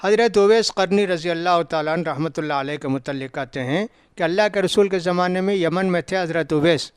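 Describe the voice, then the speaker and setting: A man's voice: sits high, clean tone, no room sound, clean studio sound. A man with a South Indian Urdu accent giving a religious lecture as a scholar, telling stories and acting out the dialogue, with emphatic repeats. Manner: storytelling preacher, acts out dialogue, repeats for emphasis. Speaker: Islamic scholar.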